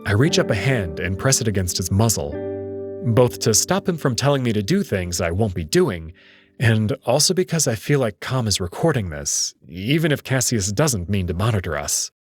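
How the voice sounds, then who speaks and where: Low-voiced man narrating a story. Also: normal speed, slightly rough. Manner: expressive storytelling. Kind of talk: first-person visual novel reading. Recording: background music. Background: soft instrumental music.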